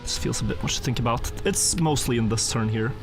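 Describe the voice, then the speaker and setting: A man's voice: medium pitch, brisk, over music. A man from Croatia casually chatting with viewers while racing in a game on a live stream. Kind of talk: live gameplay commentary and chat.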